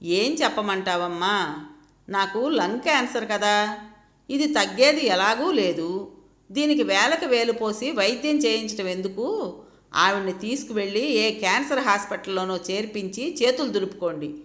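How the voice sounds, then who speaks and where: A woman's voice: mid-range voice, animated, moderate pace, fairly bright tone, reverberant, close to an everyday voice. A woman voicing a weary, sorrowful old mother. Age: older. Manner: sorrowful, pleading. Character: ailing elderly mother, weary and plaintive.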